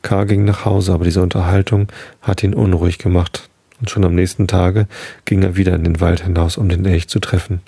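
A man reads a storybook aloud at an unhurried pace, stopping now and then to correct himself. His voice is deep and dark, with a gravelly edge. The sound is dry and close. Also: level tone, no room sound. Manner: slow, unhurried reading with occasional self-corrections. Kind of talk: reading a children's classic aloud.

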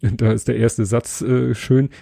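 A man hosting a podcast, giving a relaxed, casual spoken book review and pausing to search for words. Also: mid-range voice, vocal fry, dry recording, clean studio sound.

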